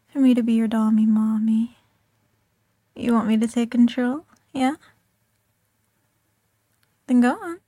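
Woman, high voice, very slow, teasing whispered roleplay, close-miked and dry. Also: creaky, dark tone, dry recording. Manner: teasing, coaxing, mostly whispered. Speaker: audio roleplay performer.

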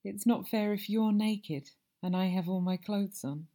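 A woman performs an ASMR audio roleplay as a masseuse, speaking softly and soothingly and frequently slipping into whispers. Her pitch is medium and her pace measured.

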